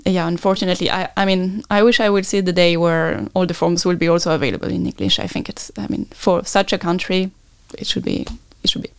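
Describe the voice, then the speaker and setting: A woman's voice: on the low side, quick pace, gravelly, hardly any pauses, clean tone, no echo. A native French-speaking woman with a French accent, explaining things earnestly as a guest in a conversational interview. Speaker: podcast guest, maternity consultant.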